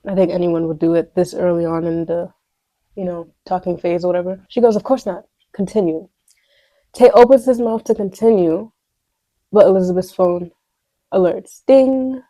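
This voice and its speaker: Woman, casual screenwriting vlog, rambling self-talk, mellow tone, dry close sound. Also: on the low side, fairly even intonation, normal speed, no echo, rough recording. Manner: rambling, chatty, talks to herself, voices sound effects. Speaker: aspiring screenwriter vlogger.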